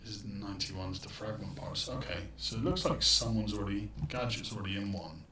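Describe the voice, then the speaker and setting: Chatty and thinking out loud, a man livestreams a game in a brisk voice that sits on the low side. The distant built-in webcam microphone gives an echoey, tunnel-like room sound with a bit of faint background noise.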